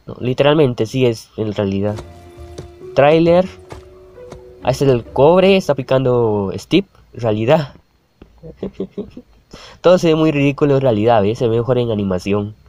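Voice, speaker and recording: A man's voice: medium pitch, lively intonation, a little slow, pauses often, mellow, faint music behind. A young man, chatting and reacting to a video on his channel, laughing often and calling out at the screen. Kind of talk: casual reaction commentary.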